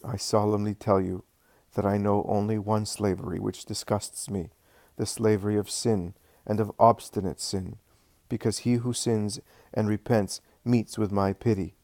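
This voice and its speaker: A man voicing Jesus, speaking in a measured, solemn way. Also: on the low side, little pitch movement, darkish tone, no echo, natural voice. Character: Jesus, calm solemn male teacher.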